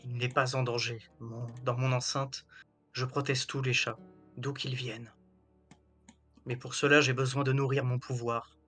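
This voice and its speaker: A man voicing an ancient cat god speaking solemnly from beyond the grave, like a deep underworld deity, in a tabletop game. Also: little pitch movement, normal speed, fairly bright tone, soft background music, close to an everyday voice. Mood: solemn, measured. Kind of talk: tabletop role-play acting.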